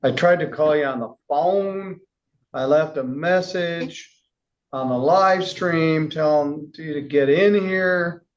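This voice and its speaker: A man speaking as a judge to a defendant in court, calm but turning angry as he sternly scolds. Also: a little high, slow pace, muffled recording.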